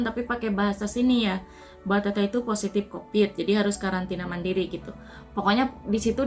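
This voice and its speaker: A woman from Indonesia casually recounting her own illness and recovery at home, soft and earnest, often trailing off at the ends of phrases. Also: medium pitch. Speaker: Indonesian migrant worker sharing her COVID recovery. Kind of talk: casual personal storytelling.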